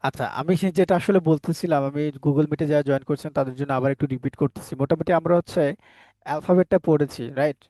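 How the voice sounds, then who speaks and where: A man's voice: on the high side, fast talker, mellow, no echo. A man teaching an online class, drilling his students with repeated questions and answers. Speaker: English teacher. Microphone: headset.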